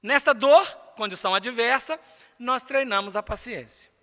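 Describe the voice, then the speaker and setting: A man's voice: very high-pitched, normal speed, bright, forceful tone. A man with a Brazilian accent giving a spiritist lecture, emphatic and asking the audience rhetorical questions. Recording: echoey lecture hall.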